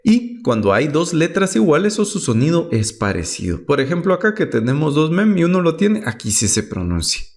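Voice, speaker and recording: Gravelly-voiced man teaching Hebrew vowels. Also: fairly high pitch, very animated, fairly quick, few pauses. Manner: patient, methodical, reads examples aloud then translates. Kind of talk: explaining Hebrew pronunciation rules.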